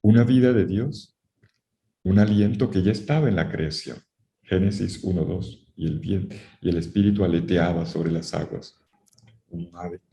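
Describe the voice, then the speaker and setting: A man's voice: sits low, sing-song, normal speed, vocal fry, dark tone, roomy sound. A man teaching a university Bible class, emphatic, repeating his key phrases and speaking straight to the students. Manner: addresses students directly. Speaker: Bible lecturer.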